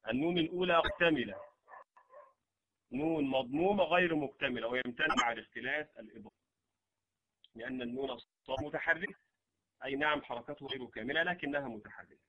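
A man teaching the rules of Quran recitation, explaining slowly and reciting verse examples. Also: medium pitch, pushed and bright, lo-fi sound, slight background noise. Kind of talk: tajweed lesson with recited examples.

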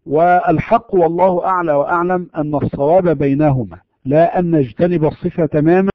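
A man teaching Quran recitation rules, explaining and slowly demonstrating letter sounds in a measured way. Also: a little high, dry recording, phone-quality sound. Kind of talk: tajweed lesson.

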